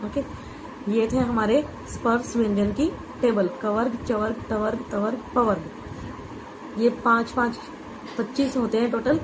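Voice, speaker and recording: A woman teaching an exam-prep grammar lesson, explaining patiently, saying "okay" often and spelling out letters slowly. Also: fairly high pitch, steady tone, background noise.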